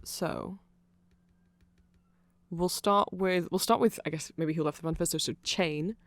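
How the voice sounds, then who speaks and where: An ASMR performer plays a nerdy vampire who explains things in an eager, self-conscious ramble, often drifting onto tangents and apologizing. The mid-range voice is a bit bright, with fairly even intonation and a measured pace. The sound is close and dry, with almost no room tone and no echo.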